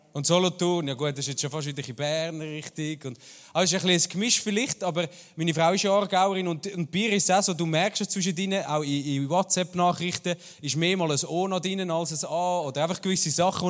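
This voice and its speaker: A Swiss man with a Swiss German accent, preaching a sermon as a pastor and talking to the congregation in a conversational way. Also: a little high. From Switzerland. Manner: conversational, addresses listeners directly. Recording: long hall reverb.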